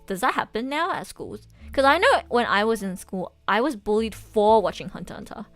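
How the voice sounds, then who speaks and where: A woman's voice: on the high side, animated, a little fast. A young adult woman chatting casually to livestream viewers in bubbly anime-fan slang, speaking while recovering from oral surgery with stitches in her mouth. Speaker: livestreamer and voice actor. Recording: music playing behind the voice. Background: music.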